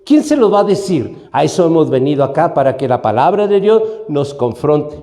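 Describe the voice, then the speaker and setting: A man's voice: fairly high pitch, big pitch swings, moderate pace, mellow. A man from Mexico preaching a sermon as pastor, teaching and often asking his listeners whether they follow. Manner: teaching, asks the congregation questions. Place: church hall. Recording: echoey church room.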